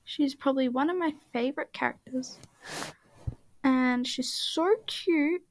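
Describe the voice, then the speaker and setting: A woman with a high voice talks slowly through a relaxed voice-over while she draws. Her chat rambles and often sinks to a half-whisper, and the sound is dry and close. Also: dry recording. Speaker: art channel creator. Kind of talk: casual voice-over while drawing.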